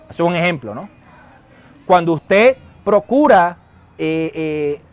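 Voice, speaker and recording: A middle-aged male pastor with a Venezuelan Spanish accent, preaching a sermon in an animated storytelling manner. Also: sits high. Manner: storytelling, animated, shouts when acting out a scene.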